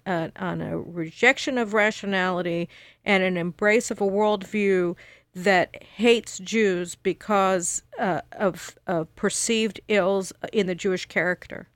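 A woman's voice: mid-range voice, fairly bright tone, no echo. A woman from the United States, a political analyst guest on a radio panel, arguing emphatically in long sentences.

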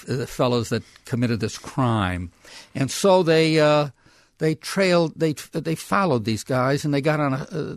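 An older man, an author being interviewed on radio, talking in a halting way with many fillers and restarts, then pressing his points hard. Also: medium pitch, no room sound, clean studio sound. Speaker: author guest. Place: radio studio.

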